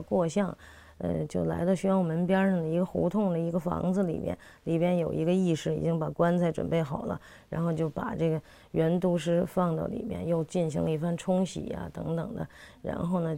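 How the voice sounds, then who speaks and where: Low-pitched woman director with a gravelly edge, animated and conversational, often restarts mid-sentence. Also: fairly quick. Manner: animated retelling with frequent restarts and fillers. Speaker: theatre director and playwright. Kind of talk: conversational storytelling about her work.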